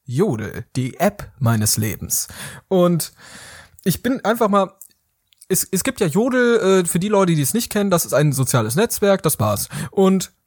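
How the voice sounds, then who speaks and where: A man's voice: high-pitched, animated, normal speed, darkish tone, no room sound, clean studio sound. A man co-hosting a podcast in casual, joking chat, rambling and self-mocking. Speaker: podcast co-host.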